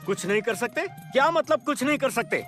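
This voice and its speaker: Hot-headed landowner boss in a tv serial, high voice, yelling orders. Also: male voice, lively intonation, moderate pace, faint music behind. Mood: indignant. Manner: shouting, bossy and indignant. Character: proud short-tempered landowner, master of the house. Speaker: head of the household.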